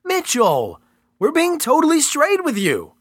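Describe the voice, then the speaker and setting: A man reading the part of a cold male federal agent who talks in a smooth, condescending, taunting way. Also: high-pitched, sing-song, moderate pace, pushed and bright, dry recording, clean studio sound, pitched above the performer's own voice, full character voice. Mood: sincere.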